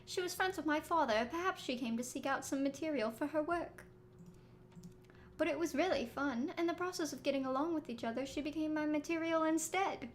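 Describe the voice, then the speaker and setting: A woman's voice: sits high, fairly quick, a little hiss or hum, natural voice. A woman voicing an elegant, formal female guest in a game story, reading her lines aloud. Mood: poised.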